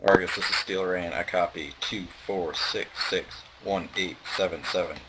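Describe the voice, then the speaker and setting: Deep flat man over a radio. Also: normal speed, very noisy. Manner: flat, clipped, by-the-book readback. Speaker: fire direction center trainee. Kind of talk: military radio procedure.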